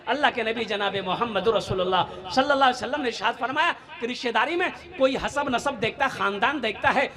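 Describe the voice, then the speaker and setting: A man's voice: very high-pitched, sharp tone. A male Islamic preacher giving a fervent sermon, firing off rhetorical questions and exclamations and often laughing as he preaches.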